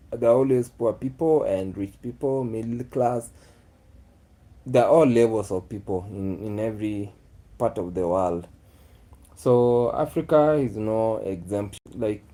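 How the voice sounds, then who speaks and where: A Kenyan vlogger with a mellow, medium-pitched voice muses aloud during a casual live chat with his viewers, often repeating his phrases.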